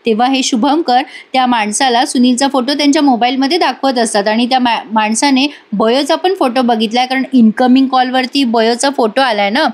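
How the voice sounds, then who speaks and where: A woman's voice: high voice, fairly quick, hardly any pauses. A woman narrating a chatty storytelling recap of a TV serial and speaking straight to her viewers. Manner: chatty retelling that addresses the viewers directly.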